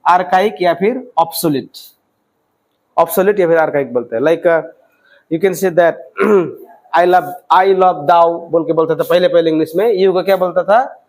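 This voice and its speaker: A man teaching English vocabulary, often quizzing his students and reading English phrases out slowly. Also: a little high, darkish tone, rough recording. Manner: quizzing, repeats questions to students; mixes English phrases into explanations, reads them slowly. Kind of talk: vocabulary lesson.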